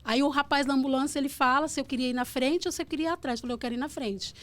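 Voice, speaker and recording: Brazilian woman, radio guest; high, fast, earnest storyteller, studio mic. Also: steady tone, a bit bright. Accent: Brazilian Portuguese. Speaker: guest, author of a book. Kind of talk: personal testimony on radio.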